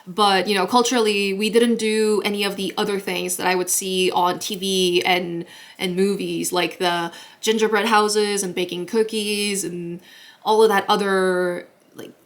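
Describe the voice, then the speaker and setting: Young woman vlogging, bubbly and chatty, laughs a lot, from guatemala, mid-pitched voice. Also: little pitch movement, a little slow. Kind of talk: casual chat to camera.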